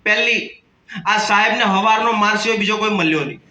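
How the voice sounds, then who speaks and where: A man of about 30 with a Kathiawadi Gujarati accent delivers a motivational business seminar in a hall with an audience, joking and calling out to the crowd. His high-pitched, slightly fast voice sounds pushed and bright. The audio is poor: reverberant, picked up by a distant mic, with a little hiss or hum.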